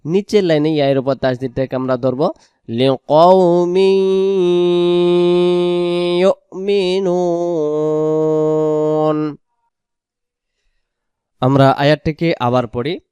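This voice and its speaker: A man from Bangladesh teaching Quran reading, rattling through explanations, then reciting verses slowly and drawn out. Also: medium pitch, a little mellow, clear, resonant tone, dry recording. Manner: brisk explanations between slow, drawn-out recitation.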